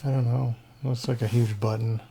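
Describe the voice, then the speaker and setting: A man co-hosting a movie reaction, making unhurried, hedging remarks as he watches with his wife. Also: mid-range voice, little pitch movement, vocal fry, dark tone, slight background noise. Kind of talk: casual reaction chat.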